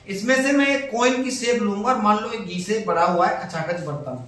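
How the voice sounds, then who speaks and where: A man's voice: sits high, fairly bright tone. Male maths teacher, patient step-by-step explainer; distant, echoey recording with faint hiss. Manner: explains step by step, repeats key terms, reads English question slowly. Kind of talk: maths lesson for school students. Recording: very echoey room, far from mic, faint hiss.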